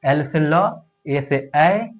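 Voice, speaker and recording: A man's voice: fairly high pitch, extremely slow, rough recording. A man teaching English pronunciation step by step, asking himself questions and answering them, often checking in with the viewers. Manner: explains step by step, asks and answers his own questions, keeps checking in with "okay?". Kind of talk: classroom lesson.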